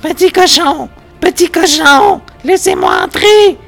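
A man voicing a mocking, raging male werewolf in a read-aloud gamebook, with shrill, shouted taunts. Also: animated, unhurried, vocal fry, soft background music, heavily acted. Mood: mocking menace.

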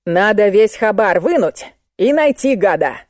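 A woman's voice: medium pitch, sing-song, measured pace, a little mellow, dry recording, studio quality. A woman voicing a male patrol sergeant who grumbles and blusters in an audiobook. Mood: blustering.

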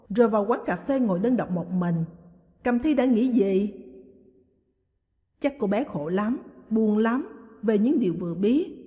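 A woman narrating a story in an even, measured reading. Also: on the high side, in a large hall. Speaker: audiobook narrator.

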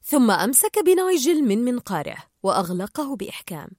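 A woman narrating a children's storybook aloud in an expressive, lively way. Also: fairly high pitch, fairly quick, no room sound, clean studio sound.

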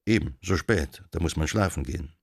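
A man's voice: low voice, brisk, gravelly, slightly rough, no echo, heavily acted. A man reading an audiobook voices a weathered one-handed soldier, speaking in a dry, terse, wry manner.

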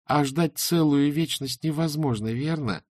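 A man voices a young woman singer, pitching above his own voice, which sits on the high side and sounds a little mellow at a measured pace. The character speaks sweetly with a bitter edge in a cool mood, captured as a dry, clean studio recording.

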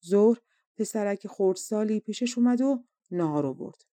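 Warm-voiced woman reading a folk tale. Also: mid-range voice, no room sound, studio quality. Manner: steady, measured storytelling. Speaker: audiobook reader. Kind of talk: storybook narration.

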